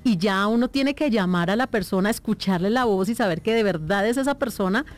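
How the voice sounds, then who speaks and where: A woman's voice: mid-range voice, a little fast. Woman co-host asking conversational questions. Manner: conversational, builds up with examples. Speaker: interviewer, co-host. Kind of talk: interview questions.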